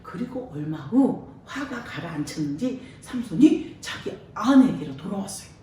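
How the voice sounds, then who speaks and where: Lively woman preacher in an echoey hall. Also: medium pitch, moderate pace, a little hiss or hum. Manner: lively, laughing, acts out voices. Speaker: children's ministry preacher. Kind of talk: animated Bible storytelling for children. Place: church hall. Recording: echoey church hall from far off.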